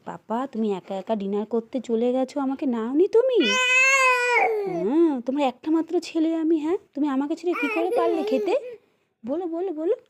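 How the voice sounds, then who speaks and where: A high, whiny baby boy pleading with his papa in a sing-song voice, as his mother puts him on. Loud noise runs under the home recording. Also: expressive, moderate pace.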